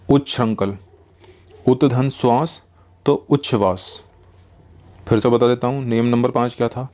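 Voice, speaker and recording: A man teaching a grammar lesson, working through examples and repeating each rule slowly. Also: medium pitch, darkish tone.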